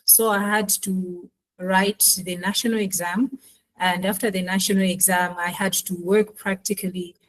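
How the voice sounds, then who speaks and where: A middle-aged woman from Malawi, speaking as a panelist in a measured, explanatory way. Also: medium pitch, fairly even intonation, a bit bright, a little hiss or hum, poor audio. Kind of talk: panel discussion.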